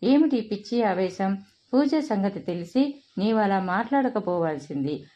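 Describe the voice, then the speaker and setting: A woman voicing a calm but firm adult stepfather in a read-aloud Telugu family story. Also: mid-range voice, normal speed, highs cut off, close to an everyday voice. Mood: soothing.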